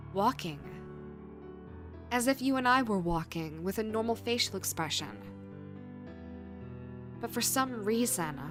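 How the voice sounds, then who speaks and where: A woman reading a scripted creepypasta horror narration in a measured way, with dramatic pauses. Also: on the high side. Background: background music.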